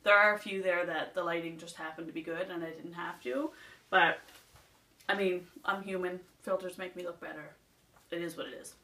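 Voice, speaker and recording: Sitting at home, a beauty vlogger from Nova Scotia, Canada, rambles through a list in a relaxed, chatty way, her twang clearly regional. Her voice is fairly low and sharp in tone, with mostly even intonation and a moderate pace. The mic is set far off, so the room echoes.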